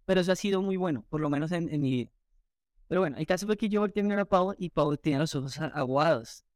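A man tells his story at a quick clip, with a slightly high voice. He acts out what others said to him as he goes. The sound is dry and close. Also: no room sound. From Colombia. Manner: fast, animated retelling with acted quotes. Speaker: entrepreneur guest. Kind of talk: storytelling in an interview.

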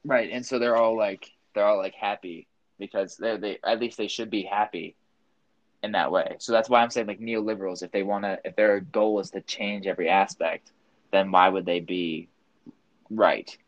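A man's voice: fairly low pitch, fairly even intonation, normal speed, no room sound, muffled recording. A young man chatting casually with a friend, rambling and restarting his sentences, laughing easily. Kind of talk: casual chat.

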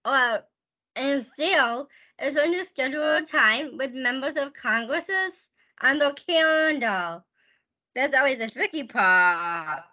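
Bright, high-voiced earnest woman. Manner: earnest, restarts phrases as she goes. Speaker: guest, advocacy lobbyist. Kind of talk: podcast interview answers. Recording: dull lo-fi sound.

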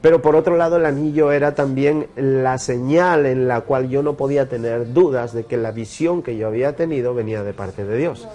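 A man's voice: medium pitch, normal speed, hardly any pauses, mellow. Man telling an earnest faith story. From Brazil. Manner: earnest storytelling, acts out dialogue. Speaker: interview guest. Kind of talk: personal testimony.

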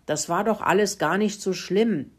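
A woman's voice: medium pitch, normal speed, slightly rough, voice pushed up, lightly acted. A woman voicing a grumpy young male pony who sulks and complains in a storybook reading. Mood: sulky. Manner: snorting, sulky complaining.

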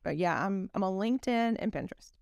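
Woman in her 40s on a podcast, smooth clear voice, dry close sound, chatty and rambly. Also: mid-range voice, brisk, no room sound. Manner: chatty, animated storyteller with frequent fillers. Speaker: podcast guest, company executive. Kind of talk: casual chat.

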